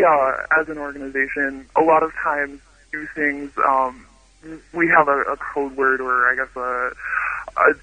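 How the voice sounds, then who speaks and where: A man calling in on the phone to a radio show, his voice disguised by a voice changer, speaking haltingly with many fillers and restarts. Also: fairly high pitch, sharp tone, no echo, poor audio. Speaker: anonymous phone-in guest. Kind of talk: radio call-in interview. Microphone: phone line.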